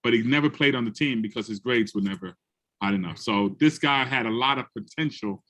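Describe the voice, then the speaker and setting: Here a Bronx, New York educator speaks briskly in a mid-range voice, telling classroom stories as a guest in a conversation. He's lively throughout, performing the people he quotes in their own voices.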